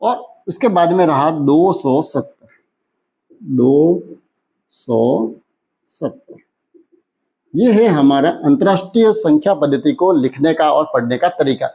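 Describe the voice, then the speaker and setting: A man teaching a maths lesson in who keeps asking questions and answering them himself, slowing down when he reads out numbers. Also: a little high, expressive, warm tone, breathy edge. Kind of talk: classroom lesson explanation.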